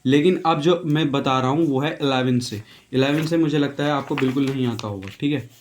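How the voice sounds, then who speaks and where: In a brisk, mid-range voice, a male English teacher leads an informal lesson, spelling out words one letter at a time. He repeats each pronunciation and regularly checks in with "okay."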